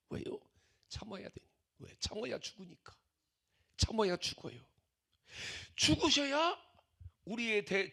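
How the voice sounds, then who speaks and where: Older male pastor with a gravelly, lively voice. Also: high-pitched. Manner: emphatic, repeats rhetorical questions. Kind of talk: sermon.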